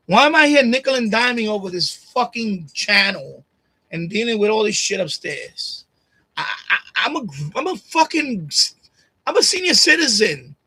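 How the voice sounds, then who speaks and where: A man in his late fifties vents to his livestream audience in a high, bright voice, swearing freely and circling back to the same lines. He talks close into a desk microphone at home, and the sound is dry, with almost no room echo. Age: 50s. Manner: rambling, profane, repeats phrases, voice rises when upset. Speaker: livestream host. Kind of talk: emotional personal rant. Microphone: desk USB condenser microphone.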